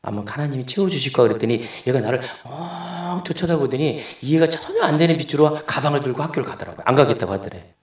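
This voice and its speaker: This middle-aged pastor's voice sits on the high side and sounds a little mellow, and he speaks fast and animatedly. In his sermon he tells a family story, playing out the dialogue in other voices. The echoey hall and distant mic reflect the church sanctuary setting.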